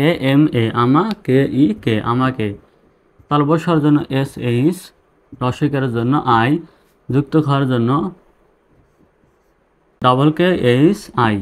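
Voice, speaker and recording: Male teacher, mid-pitched voice, patient and methodical, spells each word out letter by letter. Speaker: English teacher. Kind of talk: spelling lesson.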